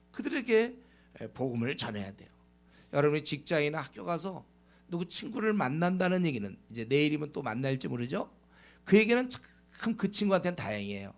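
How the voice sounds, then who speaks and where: Male pastor, impassioned sermon delivery; gravelly, fairly high voice. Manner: impassioned preaching, acts out dialogue.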